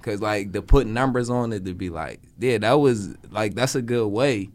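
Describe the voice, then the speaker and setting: A man in his thirties in a casual, slangy chat, musing at a relaxed pace as a podcast co-host. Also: lowish voice, moderate pace. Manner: laid-back, slangy, musing.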